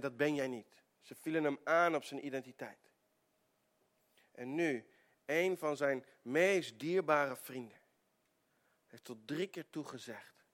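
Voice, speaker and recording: A male preacher telling a story during a sermon in an earnest way, with stammering restarts, often dropping into a hushed tone. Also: on the high side.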